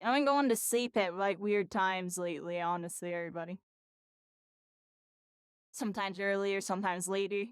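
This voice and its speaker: Tired after streaming for hours, this woman gamer chats casually and wanders from thought to thought, sprinkling in "like" and "you know." She speaks at normal speed with a medium pitch and a clean tone, pausing often. It's studio quality, with no room sound.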